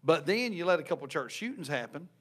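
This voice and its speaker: A man in his thirties talks in an earnest, casual way, often restarting his sentences. He sits at a table in a small church room, speaking into a desk microphone, and his voice sits a bit high for a man. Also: lively intonation, fast, a bit bright. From North Carolina, USA. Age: 30s. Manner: earnest, repeats words as he restarts. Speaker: youth pastor and podcast co-host. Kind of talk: casual chat. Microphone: desk mic on a stand.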